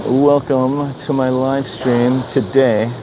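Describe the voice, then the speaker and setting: An older Wisconsin man chats casually on a live stream from an outdoor city balcony, rambling and repeating himself while answering viewer comments. His medium-pitched voice stays steady and slow against a noisy background.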